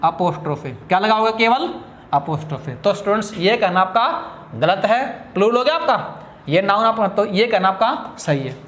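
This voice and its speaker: A man's voice: high voice, expressive, a bit bright. Hindi-accented man, classroom grammar teacher, quizzes then answers himself, drags key words, roomy echo. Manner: asks students questions and answers them himself; drawls key words slowly. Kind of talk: classroom lecture. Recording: echoey room.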